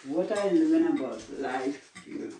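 A Trinidadian woman talks in a teasing, playful way in her home kitchen. She stands a little off the mic, and her voice bounces around the room over steady background noise. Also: low voice, unhurried. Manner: teasing, laughing dialect speech. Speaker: home baker and guest. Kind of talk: casual kitchen chat. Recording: roomy, distant, noisy room.

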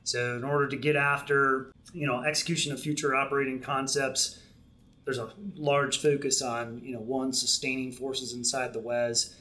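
Measured man explaining at length. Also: mid-range voice, flat delivery, bright, forceful tone. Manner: measured, explanatory, many restarts and fillers. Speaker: Marine Corps program manager, guest. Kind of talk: podcast interview.

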